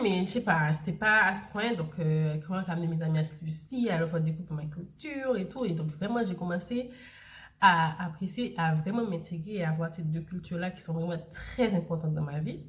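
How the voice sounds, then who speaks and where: A young woman, chatting casually to camera and repeating herself with many fillers. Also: on the low side. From Saint Lucia. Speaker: vlogger.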